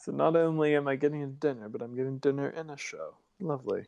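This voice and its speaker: A young man with a gravelly edge to his voice plays his character in a tabletop game. He talks in a dry, self-assured way, at an ordinary middle pitch. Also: fast, darkish tone, highs cut off. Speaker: player.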